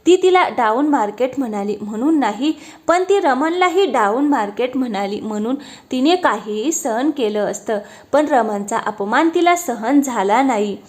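A woman reads a romantic serial story aloud in a gentle, steady storytelling voice. Her pitch sits a little high for a woman. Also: moderate pace. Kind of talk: scripted story narration.

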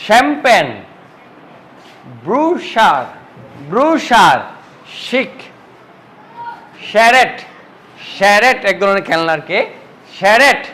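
Man, high voice, classroom pronunciation lesson, asks and answers his own questions. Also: big pitch swings, takes it slowly, pauses often, pushed and bright, low-quality recording. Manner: repeats questions and answers them himself. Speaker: English teacher.

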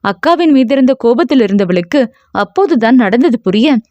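A woman narrating a novel in a steady storytelling manner. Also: high voice, normal speed, dry recording, dull audio. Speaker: audiobook narrator. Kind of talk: scripted narration.

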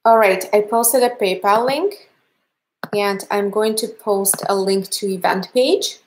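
In a low-quality recording with a little hiss or hum, a woman speaks slowly at a medium pitch. She's a Russian-accented painting instructor from Canada in her thirties, chatting in a friendly, upbeat way as she closes out a livestream class indoors from her home art studio.

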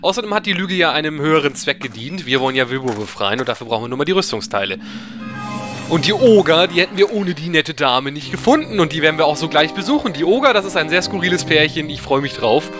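A man's voice: on the high side, expressive, fast talker, music in the background. A man giving casual, chatty gameplay commentary in a playful, ironic way. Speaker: let's player.

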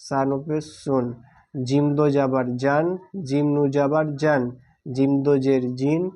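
Slow, steady man teaching Quran letters. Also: medium pitch. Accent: Bangladeshi Bengali. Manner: spells out letters and vowel marks syllable by syllable; slow, drawn-out, deliberate delivery. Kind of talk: slow spelled-out recitation lesson.

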